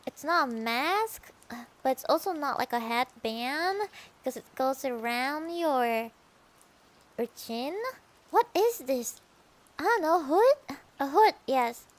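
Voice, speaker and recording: Woman streamer, high voice, slow delivery, giggly rambling chat. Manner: rambling, giggly, trails off into fillers. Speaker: VTuber streamer. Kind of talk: casual livestream chat.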